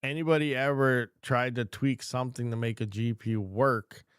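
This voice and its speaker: Rambling livestream host with a smooth voice. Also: male voice, mid-range voice, steady tone, normal speed, a bit bright, dry recording, studio quality. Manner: rambling, reads chat questions aloud. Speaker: crypto mining channel host. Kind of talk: casual livestream chat.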